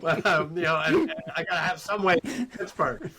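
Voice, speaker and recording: A middle-aged man as an interview guest, recounting his experiences in an unhurried, reflective way with frequent ums and restarts. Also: fairly high pitch, animated, background noise. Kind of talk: personal storytelling in conversation.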